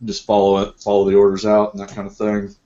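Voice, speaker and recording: A man narrating as game master in a tabletop role-play, relaxed and musing, with many fillers and restarts. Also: on the low side, quick pace. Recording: dull lo-fi group recording.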